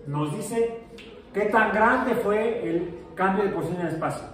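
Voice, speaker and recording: Joking physics teacher in an echoey classroom. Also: male voice, high voice, unhurried. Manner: jokey, asks the class questions. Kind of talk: classroom lecture. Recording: echoey room, far from mic.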